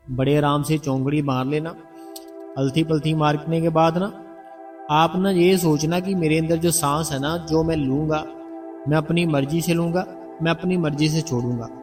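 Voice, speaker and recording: Guy giving a devotional talk, kinda high voice, sounds a bit far from the mic, soft music behind. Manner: earnest, repetitive, coaxing explanations. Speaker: spiritual narrator addressing the congregation. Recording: distant mic with background music.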